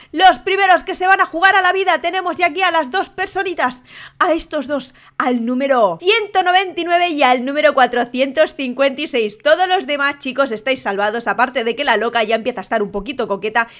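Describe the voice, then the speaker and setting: Brief: young woman, Spain Spanish accent, high bright voice, excitable game commentary with lots of exclamations. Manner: excitable, frequent exclamations and laughter. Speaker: gaming YouTuber. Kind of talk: excitable let's-play commentary.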